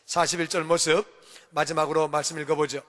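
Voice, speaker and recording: A man's voice: a little high, flat delivery, brisk, a bit bright, long reverb tail. A male pastor preaching a sermon in an emphatic, repetitive way, pressing his points again and again with rising calls. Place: church sanctuary.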